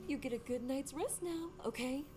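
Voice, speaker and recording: A woman voicing a gentle, polite motherly rabbit in a cartoon audio drama, with music behind. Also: high-pitched, moderate pace, natural voice.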